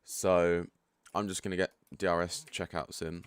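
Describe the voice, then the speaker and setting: Still croaky from just waking up, a deep-voiced developer walks through a software setup over a casual screen share. He keeps a moderate pace and a relaxed, chatty manner, throwing in frank asides, and the sound has no echo.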